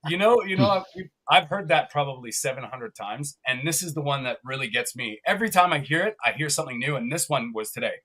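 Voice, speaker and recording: A man's voice: medium pitch, lively intonation, quick pace, pushed and bright. A man from Canada co-hosting a live podcast, chatty and upbeat, often laughing as he rambles. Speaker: podcast co-host.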